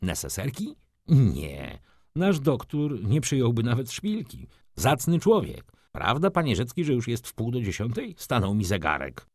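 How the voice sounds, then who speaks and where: A man's voice: medium pitch, wildly swooping pitch, measured pace, a little mellow, no echo, clean studio sound, exaggerated voice. A man voicing a young foppish shop clerk who talks effusively and fawns over customers. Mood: excitable. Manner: effusive, obsequious salesman patter. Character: young foppish male shop clerk, fawning, fast-talking.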